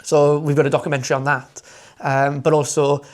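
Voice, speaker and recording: A young Welsh man from Wales, fluent in Welsh, chats as a guest on a podcast; he makes motoring content. His voice sits fairly high and sounds flat, and he talks a little fast. It's a casual interview, and he rambles enthusiastically with lots of fillers and restarts.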